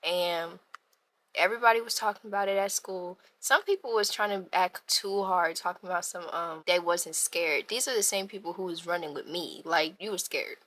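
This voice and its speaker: Bright-voiced young woman telling a story. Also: lowish voice, normal speed. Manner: animated, slangy storytelling. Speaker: vlogger. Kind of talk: storytime vlog.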